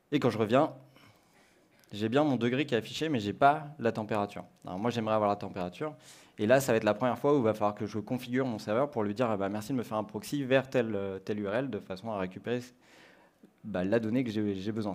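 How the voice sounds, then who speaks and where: A man from France giving a conference talk and walking the audience through a live coding demo, thinking aloud step by step. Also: on the low side. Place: conference stage.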